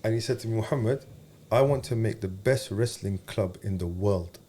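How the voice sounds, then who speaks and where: A man's voice: fairly low pitch, moderate pace, dark tone. A man with an urban London roadman accent talking casually as a podcast host, using street slang and often checking that he is understood.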